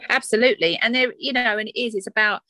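A woman's voice: a little high, fairly even intonation, fast, bright, forceful tone, no room sound, poor audio. A woman with an Essex accent in a casual, reflective chat, talking in a chatty, conversational way as an interview guest.

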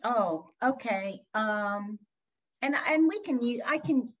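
A woman's voice: a little high, lively intonation, slow, phone-quality sound. A woman who practises tapping, chatting casually on a podcast and telling a story, often repeating her words.

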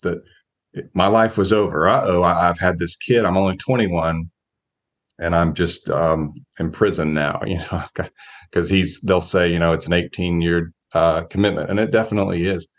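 As an interview guest, a relationship coach in his forties answers with a very low voice. He's measured and reflective, feeling his way through phrases, and the recording sounds dull and lo-fi.

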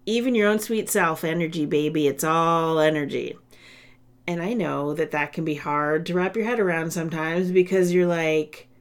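A woman podcast host with a ratchety, smoker's rasp in her voice, talking in an informal, playful, chatty way. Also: low-pitched, moderate pace. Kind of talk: upbeat casual solo podcast talk.

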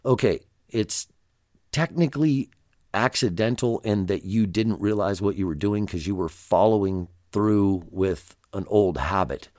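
A man with a gravelly voice, congested from allergies, hosting a self-help podcast in a direct, conversational way that addresses the listener. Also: fairly low pitch, a little slow, a little mellow, no echo, clean studio sound. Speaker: podcast host.

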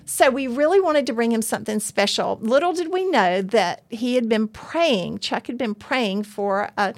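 A woman, co-hosting a podcast and telling a story in a chatty, animated way. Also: on the high side, moderate pace. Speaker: podcast co-host. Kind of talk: casual podcast chat. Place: studio room with soundboards.

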